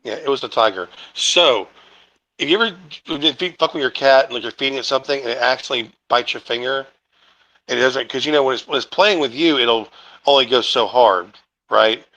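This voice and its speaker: Male guest, bright forceful tone, emphatic, heavy swearing. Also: mid-range voice, a little fast, muffled recording. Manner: profane, emphatic. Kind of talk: casual chat.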